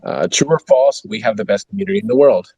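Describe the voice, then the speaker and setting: A man hosting a casual online chat and reading out audience questions, his phone mic garbled like a mistuned ham radio, speaking haltingly with restarts. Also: lowish voice, gravelly, darkish tone, breathy edge, no room sound, highs cut off. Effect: garbled mic like a mistuned ham radio or walkie-talkie.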